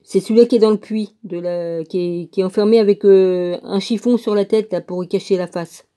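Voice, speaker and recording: A woman reads a religious text aloud at a slow, casual pace, spelling out names letter by letter and adding her own comments. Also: medium pitch, steady tone, mellow. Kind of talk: casual reading aloud with asides.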